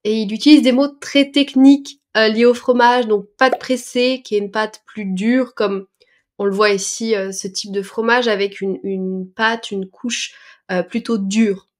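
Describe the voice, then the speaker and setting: A woman with a fairly high voice gives a French lesson. She takes her time, explaining each expression patiently and pausing on small fillers. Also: fairly even intonation. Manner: patient, breaks words down slowly with fillers. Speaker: French teacher.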